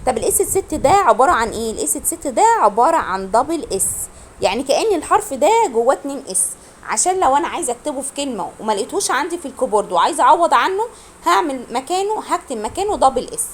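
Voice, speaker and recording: Lively Egyptian woman teaching German. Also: sits high, a little hiss or hum. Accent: Egyptian Arabic. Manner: drills pronunciation, repeating words slowly and quizzing students. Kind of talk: online language lesson.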